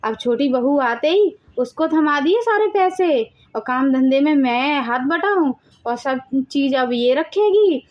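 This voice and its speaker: A woman voicing a jealous elder sister-in-law who is always plotting, in an animated family drama. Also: sits high, measured pace, hardly any pauses, highs cut off. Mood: bitter. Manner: sharp, sulky, plotting.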